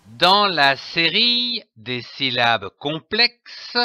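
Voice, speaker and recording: Slow, bright-voiced male reading teacher. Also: a little high, sing-song, smooth, dry recording. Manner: slow, deliberate, spells words letter by letter. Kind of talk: scripted lesson narration. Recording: dry, dull lo-fi voice-over.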